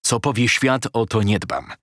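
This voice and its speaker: A man voicing a stern merchant who speaks in a sharp, clipped, unpleasant tone, low and husky. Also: sing-song, normal speed, no room sound, studio quality. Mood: cold curt. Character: stern middle-aged merchant, curt and cold.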